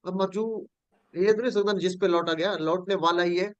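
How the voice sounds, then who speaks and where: A man's voice: high-pitched, fairly even intonation, normal speed, dry recording, highs cut off. A man from Pakistan teaching Quranic Arabic in an online class, patiently drilling word forms and calling on students.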